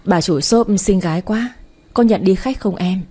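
A scheming, flirtatious man in a spoken storybook, coaxing and smooth, as a woman narrator puts him on. His tone is soft and mellow, a little breathy. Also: mid-range voice, normal speed, lightly acted. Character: smug flirtatious male customer, scheming.

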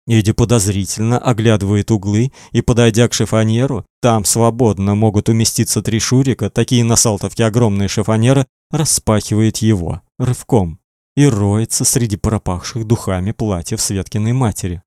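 A man's voice: lowish voice, normal speed, mellow, dry recording, clean studio sound. A man narrating an audiobook in a tense, dramatic reading.

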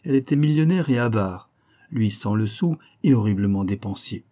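A man's voice: on the low side, expressive, normal speed, warm tone, close to an everyday voice. A man reading a novel aloud, voicing a playful, lecturing male amateur detective who teases his young listeners. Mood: teasing. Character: clever, teasing older male amateur detective.

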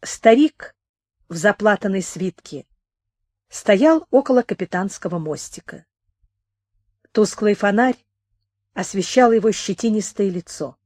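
A woman narrating a memoir audiobook in a calm, measured reading. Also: mid-range voice, no echo. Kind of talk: scripted literary narration.

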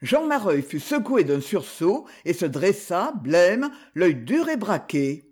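Expressive audiobook narrator, lively pitch. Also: slow, breathy edge. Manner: expressive literary reading. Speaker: audiobook reader. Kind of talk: scripted narration of a classic novel.

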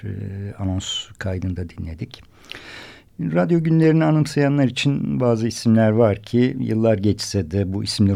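A male radio host narrates in a fairly low voice with heavy vocal fry. His semi-scripted delivery is halting, with hesitant phrasing. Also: warm tone.

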